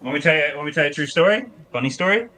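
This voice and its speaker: A man's voice: fairly high pitch, lively intonation, racing, sharp tone. A man telling casual, folksy outdoor stories in a blunt, rambling anecdotal way. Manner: folksy hunting-yarn telling.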